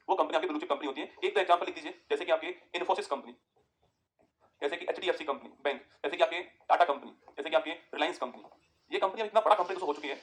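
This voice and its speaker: Fast-talking male exam-prep teacher. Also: on the high side. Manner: repetitive, keeps checking in with students; dictates notes for students to write down. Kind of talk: exam-prep classroom lecture.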